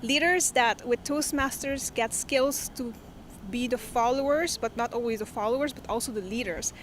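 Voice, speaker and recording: A woman's voice: a little high, normal speed, a little hiss or hum. A woman being interviewed, explaining informally and promotionally.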